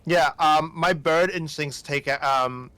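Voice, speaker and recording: A man's voice: fairly high pitch, measured pace, pushed and bright, clear, resonant tone. A man playing a tabletop game in a casual, playful and goofy way. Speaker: player.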